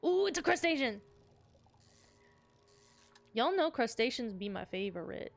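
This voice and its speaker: A woman with a fairly high voice streams a game. She keeps up casual commentary in a chatty, playful way, as if talking to friends. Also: very animated, unhurried.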